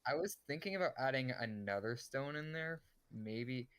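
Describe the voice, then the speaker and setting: A male streamer in casual gaming chat, relaxed and hesitant, often repeating words. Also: medium pitch, normal speed, clean tone, no room sound.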